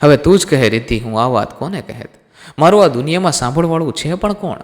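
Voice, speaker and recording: A man voicing a calm, dying young husband who speaks slowly and softly with sorrow. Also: fairly high pitch, pitched above the performer's own voice, natural voice. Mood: gentle sorrow. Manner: slow, soft, sorrowful. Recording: long hall reverb.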